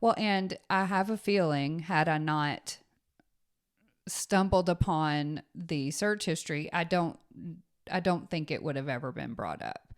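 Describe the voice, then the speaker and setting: A woman in her thirties co-hosting a podcast in relaxed conversation. Her voice sits low and she speaks at an unhurried pace. She comes across as earnest and thoughtful and often murmurs agreement. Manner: earnest, thoughtful, with frequent mm-hmms. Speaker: podcast co-host. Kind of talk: casual chat.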